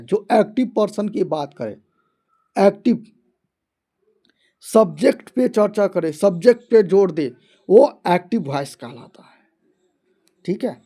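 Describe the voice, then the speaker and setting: In an online English grammar lesson, a man repeats each point many times and reads his example sentences slowly, one word at a time. His voice is high-pitched and mellow.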